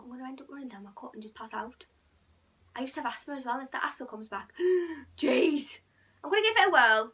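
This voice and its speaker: A woman's voice: a little high, sharp tone, breathy edge. A young woman with a Teesside accent, vlogging in casual, chatty talk that is full of "like" and "you know what I mean". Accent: Teesside (Middlesbrough). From Middlesbrough, England. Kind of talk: casual chat to camera.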